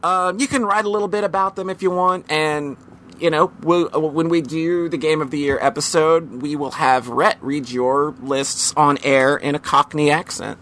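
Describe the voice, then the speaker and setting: A man chats as a podcast host, his voice bright and pitched a little high. He rambles loosely, filling gaps with ums and dropping casual swear words. A faint noise sits under the recording. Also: steady tone, moderate pace.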